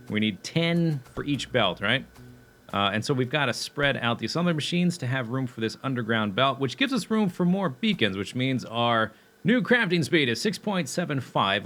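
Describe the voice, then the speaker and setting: A man's voice: medium pitch, a bit bright, a little hiss or hum. A young man casually commenting on his own gameplay as he plans a factory build, thinking aloud with fillers and self-corrections, and he has the hiccups. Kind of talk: casual let's play commentary.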